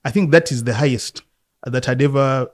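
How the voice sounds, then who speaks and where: A man from Uganda in his fifties, a football coach, telling his life story in a relaxed interview, reflective and often laughing. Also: medium pitch, moderate pace. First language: Luganda.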